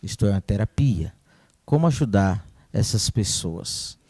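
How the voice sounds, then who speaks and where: A man, a priest hosting a live stream and reading viewers' questions in a measured way. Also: on the low side, expressive, a little mellow, no room sound. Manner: measured, reads questions aloud.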